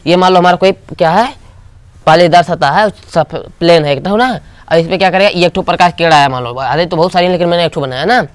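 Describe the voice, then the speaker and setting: A man's voice: fairly high pitch, quick pace, smooth, no echo. A man teaching a physics class, asking the students short questions and repeating key terms. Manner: call-and-response questioning. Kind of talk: classroom lecture.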